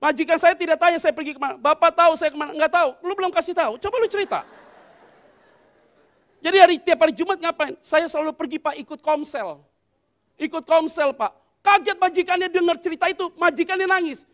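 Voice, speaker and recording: A man's voice: very high voice, fast, fairly bright tone. A male pastor preaching a sermon. He tells a story, acts out the dialogue and calls on the congregation to respond.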